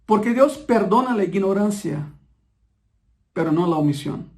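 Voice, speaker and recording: A man preaching a sermon, emphatic and repeating key phrases slowly so the congregation absorbs them. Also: high voice, expressive.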